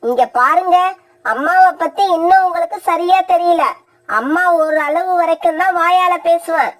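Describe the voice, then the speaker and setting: Brief: woman as a high-voiced, sharp-tongued cartoon mother crow, scheming and harsh. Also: normal speed. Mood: scolding. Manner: sharp-tongued, scolding, threatening. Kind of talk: cartoon voice acting.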